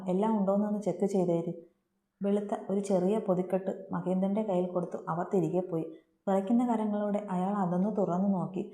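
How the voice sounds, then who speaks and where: Mellow woman narrating a story, echoey room. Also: medium pitch. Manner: steady, earnest reading. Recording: roomy echo.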